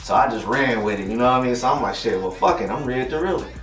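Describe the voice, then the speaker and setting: This is a fast, animated take from a young Detroit rapper being interviewed, his medium-pitched voice fairly bright as he talks casually in slang and keeps tossing in "you know what I mean." Music plays behind him, picked up on a distant mic in a roomy space.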